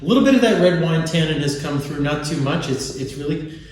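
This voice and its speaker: A man's voice: on the high side, lively intonation, brisk, slight background noise, low-quality recording. A man hosting a wine tasting, explaining in an informative, conversational way and often checking for agreement. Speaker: host and presenter of a wine tasting. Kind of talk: informative product presentation with casual tasting chat.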